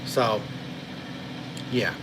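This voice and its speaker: A streamer from New Jersey, USA, hosts a casual live stream, reading chat and rambling very slowly with frequent "right?" and "you know". An air-con hum runs in the background.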